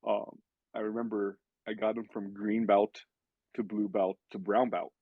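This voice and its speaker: A man's voice: lowish voice, level tone, unhurried, husky, no room sound. A man telling casual stories as a podcast guest, rambling with many restarts and filler words. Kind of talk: casual storytelling. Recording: tinny phone-like sound.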